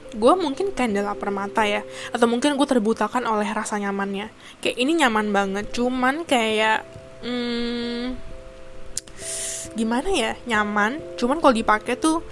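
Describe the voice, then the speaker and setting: A young woman from Indonesia, chatting casually to camera, full of fillers and bits of English. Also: a little high. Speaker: vlogger.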